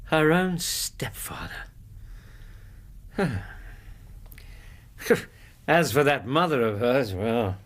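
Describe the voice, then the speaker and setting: An actor playing a loyal, decent Victorian English doctor in a radio drama, earnest and gentlemanly in dialogue and narration. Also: male voice, mid-range voice, sing-song, extremely slow, pauses often, heavily acted. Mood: hearty, indignant.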